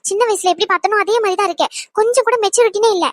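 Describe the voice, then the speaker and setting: A shrill, very high-pitched cartoon girlfriend, voiced by a woman, rattling off a fast stream of nagging complaints. She scolds and sighs in exasperation at her timid boyfriend. The sound is dry and close. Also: dry recording. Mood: exasperated. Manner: nagging, scolding, sighing exclamations. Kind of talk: cartoon voice acting.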